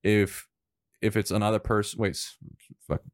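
A man with a fairly low voice hosts a relaxed conversation and thinks out loud. He rambles, restarts and corrects himself, speaking frankly. The sound is dry and close. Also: normal speed, no echo. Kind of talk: casual chat.

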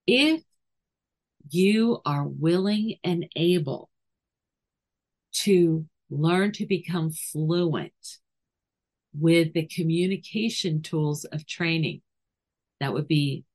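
A middle-aged woman dog trainer talking through training ideas and acting out little scenes. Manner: animated, acts out scenes with sudden high voices. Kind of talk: podcast monologue.

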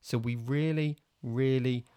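A man's voice: mid-range voice, steady tone, a little slow, dark tone, clear, resonant tone. A man co-hosting a family podcast, cheerfully reading out listener messages and jokes. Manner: upbeat, reads out listener messages. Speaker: podcast co-host.

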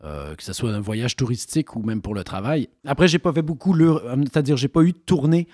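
A middle-aged man from Quebec with a Québécois accent softened by years in France, a stage actor chatting casually in an interview, rambling with many fillers and restarts. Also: mid-range voice, fairly quick, dry recording, studio quality. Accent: Québécois French, partly softened by years in France.

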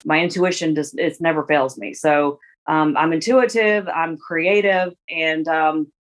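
A woman's voice: low-pitched, steady tone, a little slow. A woman in her forties, a guest in a casual interview, talking in a rambling way with many restarts and fillers. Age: 40s.

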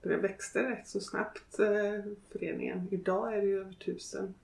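A woman's voice: medium pitch, little pitch movement. A woman speaking candidly in an interview, thinking aloud in a wry way. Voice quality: creaky. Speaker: interviewee, early network member. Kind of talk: reflective interview talk. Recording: echoey room, somewhat off-mic.

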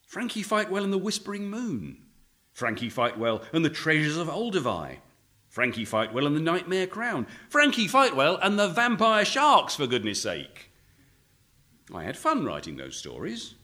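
A man's voice: fairly high pitch, sharp tone, full character voice. An actor playing an earnest male writer who pleads with his character and reads his adventure prose aloud. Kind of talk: comedy audio drama.

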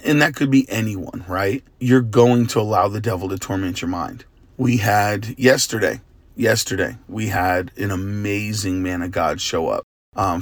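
A man preaching informally in a somewhat low voice that sounds exhausted from use. He talks earnestly and conversationally, checking in with listeners as he goes. The sound is dry and close, with little room on it. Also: creaky, husky, no room sound. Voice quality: tired, worn voice from much preaching. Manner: conversational, earnest, often asking "right?" and "you know". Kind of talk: casual devotional talk.

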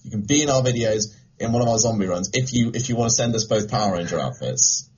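A man's voice: fairly low pitch, fast, slightly rough, lo-fi sound. A young English man telling stories in a casual podcast chat, laughing often. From England. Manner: animated, laughing storyteller. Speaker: podcast guest, gaming video creator.

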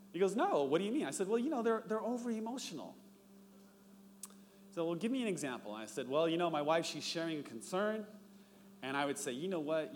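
A middle-aged man preaching a sermon, telling stories and acting out the dialogue in them. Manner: storytelling, acts out dialogue with rising pitch. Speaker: pastor. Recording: long reverb, faint background noise.

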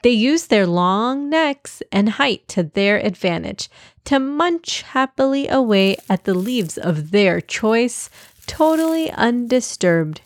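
A woman narrating a children's story as its author, expressive and clear for young listeners. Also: on the high side, slow, no room sound.

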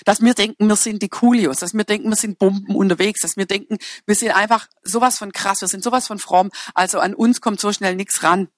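A woman's voice: mid-range voice, steady tone, a little fast, few pauses, no room sound, studio quality. A woman preaching a sermon in a chatty, humorous way, teasing her congregation and correcting herself with fillers as she goes.

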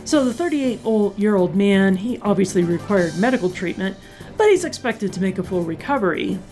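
A woman host in casual chat, hoarse and short of breath from asthma, chatty with sarcastic asides. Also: mid-range voice, very animated, normal speed, a little mellow, soft background music. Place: Colorado.

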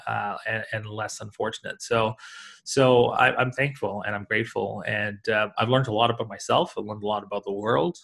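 A man's voice: lowish voice, fairly even intonation, moderate pace, creaky, fairly bright tone. A man from Tanzania talking about his career as an interview guest, reflective and full of fillers and restarts. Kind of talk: casual interview talk.

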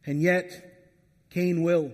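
A man's voice: a little high, level tone, slow, a little mellow. A man preaching a sermon as a pastor, earnest and storytelling. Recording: long hall reverb.

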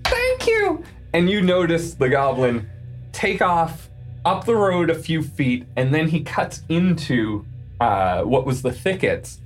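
A woman's voice: low voice, expressive, a little slow, faint music behind. A woman acting as game master, casually narrating and directing a tabletop role-playing game.

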